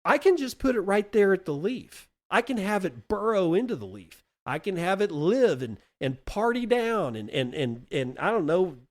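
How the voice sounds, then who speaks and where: A man's voice: high voice, very animated, normal speed, hardly any pauses. A man hosting a podcast, talking through a topic in an emphatic, folksy monologue full of rhetorical questions and playful comparisons, often repeating words as he thinks. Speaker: podcast host. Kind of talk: enthusiastic explanatory monologue.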